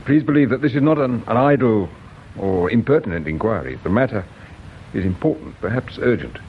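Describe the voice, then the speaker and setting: An actor as Inspector Purbright, measured and low. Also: male voice, animated, a little hiss or hum, natural voice. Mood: probing. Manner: measured, gently probing, hesitates with "uh". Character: patient, probing provincial police inspector. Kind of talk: radio drama acting. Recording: dull lo-fi radio recording.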